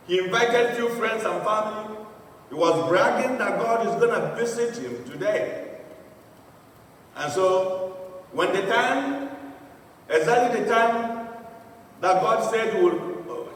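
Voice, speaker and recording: A man's voice: sits high, a bit bright, heavy reverb, long reverb tail. A male priest giving an earnest sermon, telling a story, in a large church with a distant mic.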